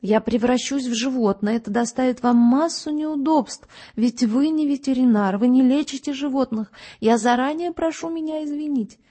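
A frightened, unhinged man apologizing without end, his voice tearful, timid and pitched high and thin, as a woman reads him. It sounds like a storybook reading, with a mellow, warm tone under the pleading. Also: moderate pace, hardly any pauses. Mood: tearful apologetic. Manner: tearful, timid, over-polite. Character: unhinged, endlessly apologetic male investigator.

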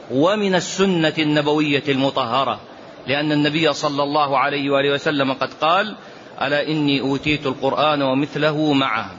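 A man's voice: on the high side, fairly bright tone, slight background noise. A man giving a religious lesson, emphatic, repeating phrases and drawing out quoted verses. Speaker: sheikh teaching a lesson. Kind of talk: religious lesson explaining a poem. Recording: dull lo-fi lecture recording with faint ambience.

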